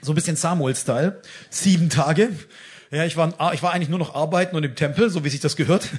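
A man preacher telling a lively testimony in a blunt, jokey, colloquial way, acting out the dialogue as he goes. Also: fairly high pitch, fast talker, breathy edge. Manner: animated storytelling, acts out dialogue.

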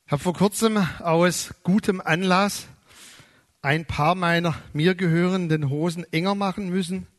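A middle-aged pastor with a voice that sits high preaches a sermon with lively emphasis. He slows down on key words and acts out the voices of the people he quotes.

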